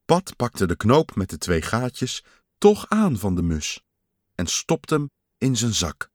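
A man reading a children's story aloud in a slow, expressive storytelling manner. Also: fairly low pitch, no echo, clean studio sound.

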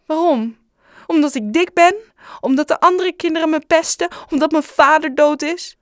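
A woman's voice: animated, brisk, a little mellow, no room sound, studio quality, lightly acted. A woman voicing an upset chubby schoolboy who pleads and turns hurt in a children's audiobook. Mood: hurt, shouting. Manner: high, pleading and tearful. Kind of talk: audiobook character voice.

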